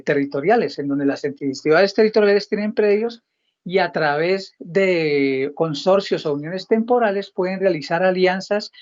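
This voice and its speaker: An official from the government housing ministry gives an explanatory talk on housing programs in a mid-range voice, teaching in a didactic way by posing questions and then answering them. The audio sounds dull.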